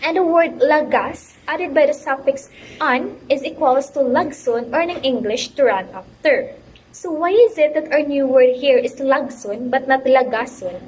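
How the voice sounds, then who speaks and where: A young woman student presenting a class report, reading her explanations carefully and a little haltingly. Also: high voice, darkish tone, slight background noise, low-quality recording. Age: young adult.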